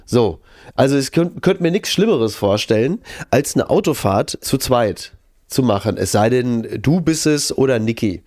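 A man's voice: medium pitch, expressive, moderate pace, a little mellow, dry recording, studio quality. A man who is sick with a cough, co-hosting a podcast from his living room, chatting casually and rambling with restarts in a self-deprecating way. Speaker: podcast co-host. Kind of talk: casual chat.

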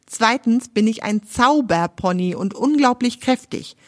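A woman's voice: on the high side, lively intonation, unhurried, dry recording, clean studio sound. A woman voicing a proud, boastful male magic pony in a children's storybook, cocky and self-assured.

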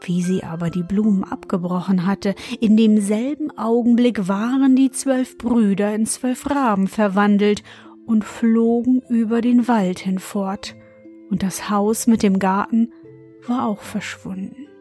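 Slow, gentle woman reading a fairy tale. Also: medium pitch, fairly even intonation, husky, soft background music.

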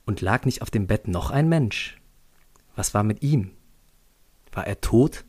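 A man's voice: fairly low pitch, animated, measured pace, a little mellow, slightly rough. A man narrating a scripted story on a school podcast in a dry, lightly ironic way.

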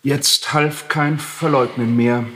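Man reading literature slowly and dramatically. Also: medium pitch, fairly even intonation, fairly bright tone, a little hiss or hum. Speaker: reader.

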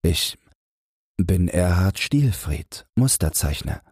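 Narrator voicing a hesitant, stammering gentleman, very deep breathy voice, unhurried. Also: animated, no echo, studio quality, heavily acted. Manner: hesitant, stammering, politely awkward. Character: shy, embarrassed, politely hesitant man.

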